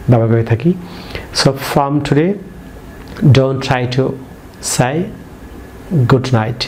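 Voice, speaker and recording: Male English teacher, mid pitch, spells words letter by letter, drills learners, faint noise under the voice. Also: a little mellow. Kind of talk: vocabulary lesson.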